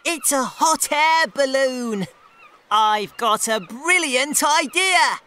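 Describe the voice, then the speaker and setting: A woman's voice: high-pitched, lively intonation, sharp tone, slight background noise, exaggerated voice. A woman doing a sing-song clever kid hero. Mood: playful. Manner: slow sing-song delivery.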